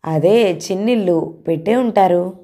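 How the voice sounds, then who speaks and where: A blunt young woman at the office, asking probing, teasing questions in a lowish, mellow tone, as a woman reader puts her on. She speaks plainly and without hesitation. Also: unhurried.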